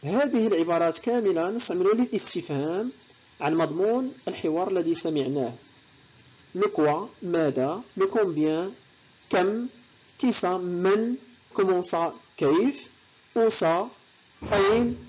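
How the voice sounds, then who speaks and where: A woman teaching a language lesson. She reads each French phrase slowly and then explains it, with a husky, lively voice. The recording sounds dull and lo-fi. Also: fairly low pitch.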